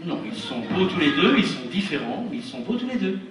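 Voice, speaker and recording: A man's voice: on the high side, sing-song, brisk. A man performing as a children's party magician, addressing the kids with showman's patter and exclamations. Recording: roomy, distant, noisy live show recording.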